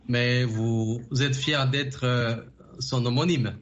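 A man hosting a radio interview program, asking formal, measured questions with frequent pauses. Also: mid-range voice, steady tone, muffled recording. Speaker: radio show host.

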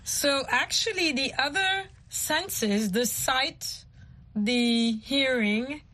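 A woman's voice: sits high, very slow, bright, forceful tone. A woman hosting an English lesson in a conversational teaching style, explaining with simple spoken examples. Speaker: host of an English lesson show.

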